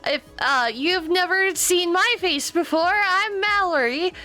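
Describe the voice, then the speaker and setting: Bright-voiced giggly woman streamer. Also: very high-pitched, unhurried. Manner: chatty, giggly, mutters to herself while drawing. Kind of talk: casual art stream chat. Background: faint music.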